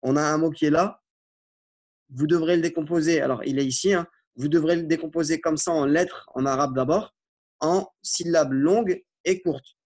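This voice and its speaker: Man, Arabic teacher, patient, repeats himself, slightly high voice, classroom lesson. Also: steady tone, normal speed, a little mellow. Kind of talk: classroom lesson explaining exercises.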